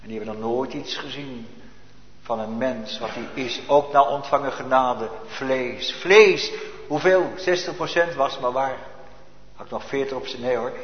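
A man preaching a sermon, swinging between loud emphatic cries and hushed low asides. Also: moderate pace. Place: church. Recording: echoey lo-fi church hall recording.

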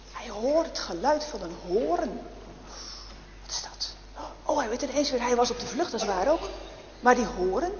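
A woman telling a story in a lively, expressive way, speaking directly to her listeners. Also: on the high side, a little hiss or hum. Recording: echoey hall, dull lo-fi.

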